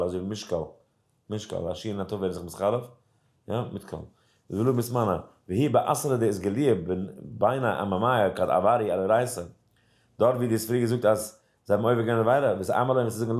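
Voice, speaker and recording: A man teaching a daily Torah lesson, telling a story in casual speech, acting out the people in it with lively voices and chanting Hebrew verses in a singsong. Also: fairly low pitch, fairly quick. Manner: animated storyteller acting out characters, mixing in English and Hebrew.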